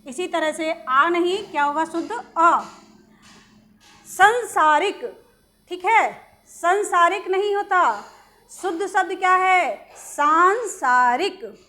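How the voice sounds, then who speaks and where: A woman's voice: extremely high pitch, unhurried, sharp tone. A woman teaching Hindi spelling in an online lesson to children, patiently repeating words and quizzing the class.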